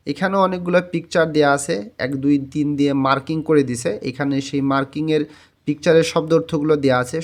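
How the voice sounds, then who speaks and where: Guy teaching words, says each one twice slow, kinda high voice. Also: vocal fry. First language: Bengali. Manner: repeats each word twice, slow and drawn out. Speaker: Korean language teacher. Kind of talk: textbook vocabulary lesson.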